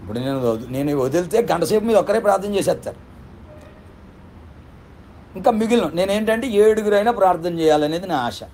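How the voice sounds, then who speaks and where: Fervent preaching man, slightly high voice. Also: lively intonation, a little fast, pauses often, a little mellow, a little hiss or hum. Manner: fervent, repetitive preaching with rhetorical questions. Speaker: pastor. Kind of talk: sermon.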